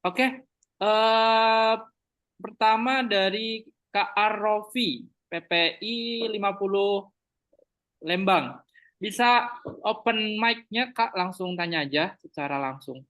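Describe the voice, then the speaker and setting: A man's voice: sits high, slow, fairly bright tone. A man moderating an online question session, polite and formal as he invites questions. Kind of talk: hosting an online Q&A.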